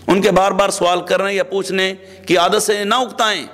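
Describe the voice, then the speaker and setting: A man's voice: high voice, level tone, a bit bright. A man preaching a sermon as a religious scholar, pleading in repeated, emotional phrases. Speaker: Islamic preacher. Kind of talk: Urdu sermon. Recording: long hall reverb.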